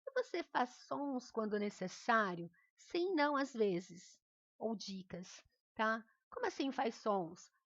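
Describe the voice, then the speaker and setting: Brazilian lady teacher, kinda high voice, dry close mic, talks patient and encouraging. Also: animated, takes it slowly, a bit bright, no room sound, muffled recording. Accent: Brazilian Portuguese. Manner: patient, encouraging, often checks in with "né?". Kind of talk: recorded remote lesson.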